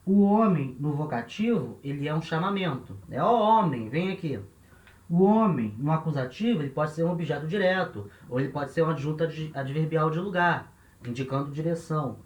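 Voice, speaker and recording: A man's voice: a little high, expressive, brisk, muffled recording. A man with a Brazilian Portuguese accent teaching a grammar lesson at a board, patient, repeating key points and checking in with listeners as he goes. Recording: roomy echo.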